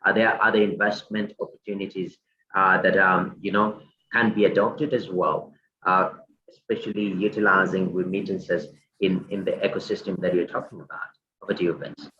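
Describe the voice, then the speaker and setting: A man's voice: low voice, fairly even intonation, normal speed, pushed and bright. A man moderating an online panel, talking politely with many hesitant fillers over a video call. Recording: roomy, muffled video-call audio with faint noise.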